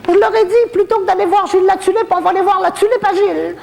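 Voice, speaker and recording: Brief: a woman doing a saucy old Québécois granny in a nursing home, very high, gravelly voice, long hall echo. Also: fairly even intonation, fast talker, over a noisy crowd, heavy background noise. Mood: cheeky. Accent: Québécois French. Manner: saucy, gossipy, self-mocking jokes. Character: cheeky, bawdy old woman living in a retirement home. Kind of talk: stand-up comedy character monologue.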